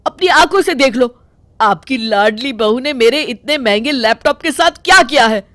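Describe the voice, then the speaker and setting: A woman's voice: high-pitched, expressive, moderate pace, a bit bright, no echo, voice pushed up. A woman voicing an irritable young husband who keeps losing his temper in a cartoon story. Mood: exasperated. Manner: exasperated outbursts. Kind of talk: cartoon voice acting.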